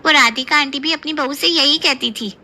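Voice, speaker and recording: A woman uses a high, bright, forceful voice at normal speed to play a gossipy, mischievous young daughter and sister-in-law in a Hindi cartoon story. The heavily acted character is chatty, insistent and needling, blurting out everything.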